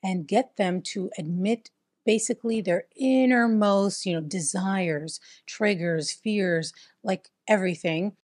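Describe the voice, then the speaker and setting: A woman's voice: medium pitch, a little slow, a little mellow, dry recording, clean studio sound. A woman hosting a vlog who talks in a casual, chatty way and fills her sentences with "like" and "whatever.". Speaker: host. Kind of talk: casual chat.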